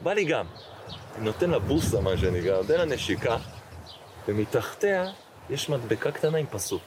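Middle-aged man, rabbi guest telling his story, lively acted-out dialogue, noisy background. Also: medium pitch. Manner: animated storyteller acting out dialogue, frequent fillers. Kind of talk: personal storytelling in an interview. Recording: noticeable background noise.

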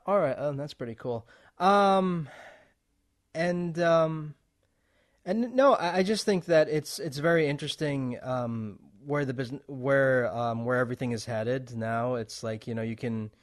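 A man hosts a casual interview, talking in a loose, rambling way. He fills his sentences with "like" and "um" and laughs often. His pitch sits in a medium range for a man. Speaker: podcast host, interviewer.

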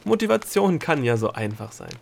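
A man voicing an excitable bald male gnome guide in a storybook reading, calling out eagerly in a raised voice. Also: fairly high pitch, normal speed, slight background noise, voice pushed up. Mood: excited. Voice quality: hoarse laugh.

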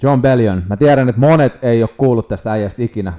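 A man's voice: medium pitch, mellow. A young man co-hosting a casual podcast, ranking songs and enthusiastically talking up his picks. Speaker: podcast co-host.

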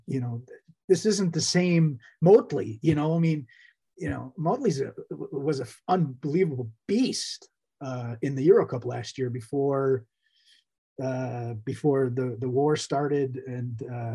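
A man's voice: medium pitch, dark tone, husky. A man co-hosting a basketball podcast, talking in a rambling, casual way with many restarts. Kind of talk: casual sports chat.

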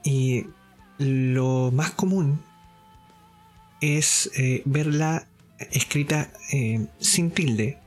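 Male course teacher, mid pitch, unhurried, hesitant explainer who keeps checking in, faint music underneath. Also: a little mellow. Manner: deliberate, explaining step by step with frequent checks for understanding; hesitant fillers and self-repeats. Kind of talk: spoken lesson.

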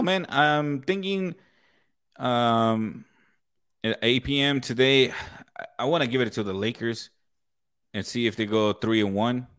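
A man's voice: mid-range voice, a bit bright, dry recording, clean studio sound. A man co-hosting a casual sports talk stream in a laid-back frat-bro way, swearing freely and calling people dude.

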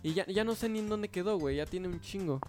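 A young man with a Mexican Spanish accent, chatting casually in a slangy, swearing, animated way. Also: sits high, quick pace, faint music behind. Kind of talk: casual chat.

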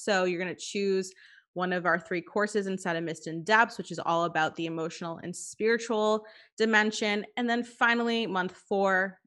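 A woman's voice: mid-range voice, fairly bright tone. A woman co-hosting a podcast, explaining a course path in an upbeat, casual way with some fillers. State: short of breath. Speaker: course co-host.

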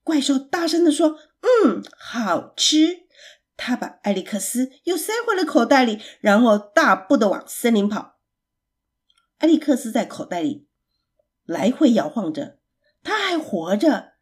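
Woman storyteller, children's story, gentle, slightly high voice, breathy, very unhurried. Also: very animated. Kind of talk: reading a children's story aloud.

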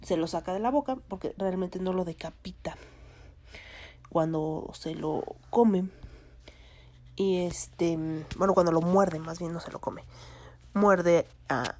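Woman, Mexican accent, casual vlog chat, rambling with fillers, low-ish, slow. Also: darkish tone. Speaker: vlogger.

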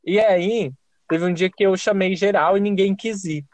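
A young man with a Brazilian Portuguese accent, hosting a podcast and telling a lively, self-mocking story with casual swearing. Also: high-pitched, moderate pace, dry recording. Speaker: podcast host.

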